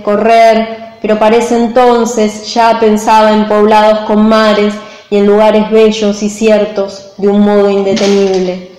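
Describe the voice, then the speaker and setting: A woman from Argentina recites her own poetry in a slow, measured way. Her pitch stays flat and even throughout. The recording carries a noticeable room echo. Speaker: poet. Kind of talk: poetry reading.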